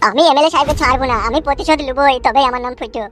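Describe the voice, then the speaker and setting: A woman's voice: sits high, rapid-fire, a bit bright. A woman acting as a vengeful son in a family drama, raging and swearing with heavy emotion. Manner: angry, vengeful outbursts with crude curses.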